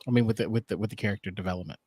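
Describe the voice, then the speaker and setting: A man's voice: lowish voice, a little mellow, slightly rough, no room sound, studio quality. A man co-hosting a podcast, chatting casually about an episode, often restarting his sentences. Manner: halting, with frequent restarts and um's. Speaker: podcast co-host. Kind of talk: casual review chat.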